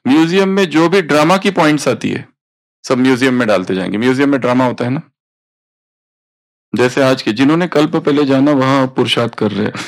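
A man's voice: mid-range voice, brisk. A man teaching a spiritual study class, explaining points and prompting students to read aloud.

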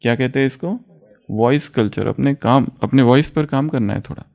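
A man's voice: mid-range voice, moderate pace, vocal fry, darkish tone. A man giving a spiritual class talk as a teacher, asking his listeners questions and answering them himself, chuckling often while he explains.

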